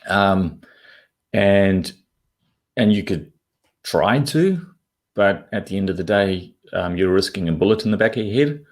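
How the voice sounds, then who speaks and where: An investment commentator from southern Africa, interviewed as a guest, sets out his opinions with blunt informality and casual swearing. He speaks in a low-pitched voice, unhurried, leaving long pauses.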